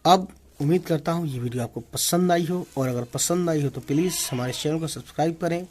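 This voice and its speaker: A man with a slightly raised pitch leads an Urdu reading lesson. He patiently sounds out letters and repeats each word slowly for the learners. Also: a little mellow, a little hiss or hum. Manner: patient, repeats words slowly to drill pronunciation. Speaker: Urdu teacher.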